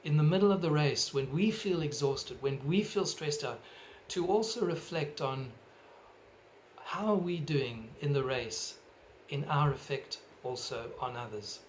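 Preaching earnestly at home, a middle-aged pastor from South Africa speaks in a slightly high male voice, laying out his phrases in measured, emphatic steps. His desk-distance webcam picks up a faint room hum beneath him.

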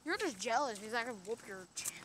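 A young woman hosting casual gameplay chat outdoors, excitable and jokey. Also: on the high side, quick pace, noisy background. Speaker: channel host playing a mobile game. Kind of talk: casual chat while walking.

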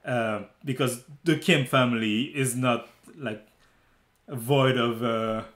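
A man's voice: mid-range voice, fairly even intonation, slow, a bit bright, reverberant. A man co-hosting a movie review talk, thinking aloud with fillers and restarts. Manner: thoughtful, hesitant with fillers. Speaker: movie review podcast co-host. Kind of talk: casual conversational film review.

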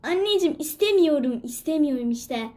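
Woman playing a frightened little girl toy pet, very high squeaky voice, whiny, shrieky, sobbing, home toy video. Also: lively intonation, fairly quick, a little mellow. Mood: anxious. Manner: whiny, panicky, shrieks and sobs. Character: timid young girl pet, scared of flying.

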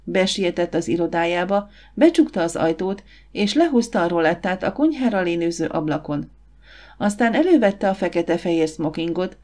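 A woman narrating an audiobook in a measured, steady way. Her voice sits slightly low for a woman. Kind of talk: scripted narration.

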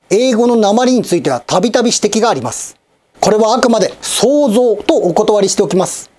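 A man in his fifties hosting a channel, giving polite, measured, scripted news-style commentary with wry asides. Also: high voice, a little mellow. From Japan, Osaka and Kochi.

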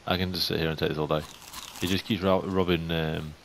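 A young man giving casual game commentary, chatting to the animals in the game and getting jumpy and excitable. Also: low-pitched, a little fast. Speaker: gaming YouTuber. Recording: faint hiss.

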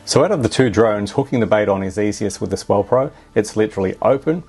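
Low gravelly Australian man reviewing. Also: animated, fast, darkish tone, soft background music. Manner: plain, matter-of-fact explaining. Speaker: drone reviewer. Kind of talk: product review voice-over.

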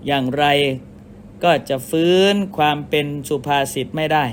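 A man, a Buddhist monk, giving a measured dharma sermon and explaining with everyday comparisons. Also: on the high side, steady tone, a little hiss or hum.

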